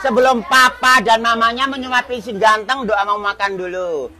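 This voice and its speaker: A children's party magician with a Javanese Indonesian accent, hosting and urging the kids to shout along and join in chants. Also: medium pitch, fairly even intonation, moderate pace. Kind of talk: kids' party hosting, calling out instructions, sing-along chants. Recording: noisy party crowd, loud background din. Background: loud crowd of party guests.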